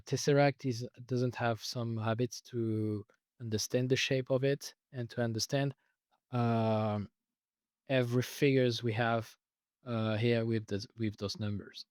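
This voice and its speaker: A developer talks viewers through his own tool in an informal screen capture. Halting and full of "uh"s, he often backtracks to restart a thought. His voice is middle-pitched, somewhat tired, and on its way out, recorded up close and dry with no audible room.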